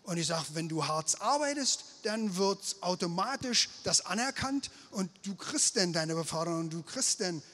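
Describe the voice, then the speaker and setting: A middle-aged man from Berlin telling a lively, self-mocking story about his career on stage, speaking into a handheld microphone. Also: high voice, normal speed, few pauses. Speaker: speaker at a failure-story night. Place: indoor event stage before an audience. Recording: long hall reverb of an event space.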